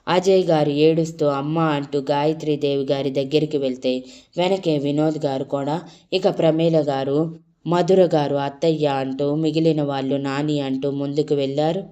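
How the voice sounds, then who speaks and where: Low-voiced woman narrating an audio story. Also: normal speed. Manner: steady reading with small self-corrections.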